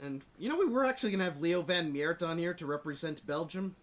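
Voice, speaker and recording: Podcast host, male, bright and lively, rambles and self-interrupts. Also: fairly high pitch, fast talker. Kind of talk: casual podcast chat.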